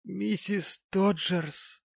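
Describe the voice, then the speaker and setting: A man voicing a tipsy, tearful, sanctimonious widowed gentleman, talking in a maudlin, slurred, pompous way in an audiobook. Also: high-pitched, fairly even intonation, drawn-out words, creaky, no echo, clean studio sound, pitched above the performer's own voice, heavily acted.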